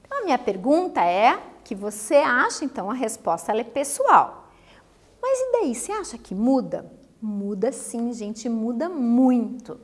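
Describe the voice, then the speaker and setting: A woman's voice: fairly high pitch, moderate pace. A woman from Brazil, an English teacher, giving a recorded lesson and putting questions to her students. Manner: lively, asks the students questions.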